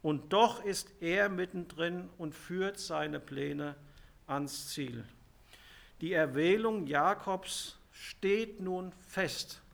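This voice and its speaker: Slow gravelly German preacher man. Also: sits high. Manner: slow, emphatic preaching with quoted scripture. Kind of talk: sermon on scripture.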